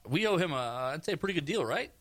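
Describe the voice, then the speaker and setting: A man's voice: a little high, animated, quick pace, fairly bright tone. A man co-hosting a radio show in a studio with casual, jokey banter. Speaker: radio co-host.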